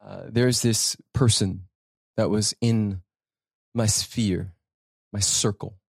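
A man's voice: on the low side, fairly even intonation, takes it slowly, gravelly, slightly rough, dry recording. A man hosting a spiritual self-help podcast, speaking off the cuff in an emphatic, preacherly way, with rhetorical questions and repetition. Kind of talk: impromptu motivational talk.

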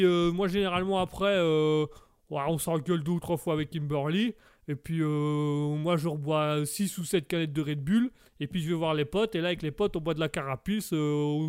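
A man's voice: on the high side, darkish tone, clean tone, no echo, clean studio sound, close to an everyday voice. A man voicing a dim, quarrelsome young slacker who talks in slangy, slurred phrases full of fillers, in a comedy sketch. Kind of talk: comedy sketch, one performer doing two voices.

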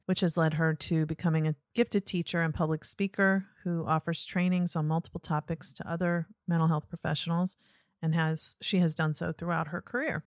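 A woman's voice: low-pitched, a little mellow, dry recording, clean studio sound. An American woman hosting a podcast in a conversational style, introducing and interviewing as she goes. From Norfolk, Virginia, United States.

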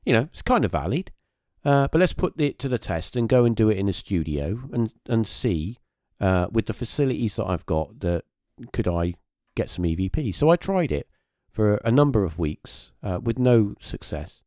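A man's voice: lowish voice, sing-song, normal speed, mellow, dry recording, studio quality. A man, hosting a podcast and recounting a story casually, rambling with many fillers and restarts. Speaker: podcast host.

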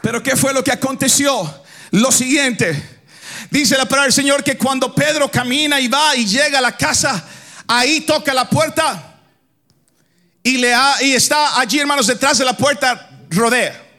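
A man from the Dominican Republic preaching an impassioned sermon, shouting some lines and chanting others in a sing-song cadence, calling his listeners brothers. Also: extremely high pitch, normal speed. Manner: keeps addressing the congregation as brothers.

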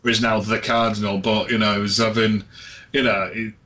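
A man's voice: on the low side, little pitch movement, normal speed, sharp tone. A man from England in casual chat as a podcast co-host, laid-back, swearing and laughing often. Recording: dull lo-fi sound.

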